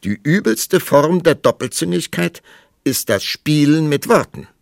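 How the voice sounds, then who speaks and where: A man's voice: low-pitched, very animated, slow, vocal fry, no room sound, studio quality, heavily acted. A man doing a blustering, pompous king. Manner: loud, snarling, pompous. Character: quarrelsome, blustering old king. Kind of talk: audiobook character voice.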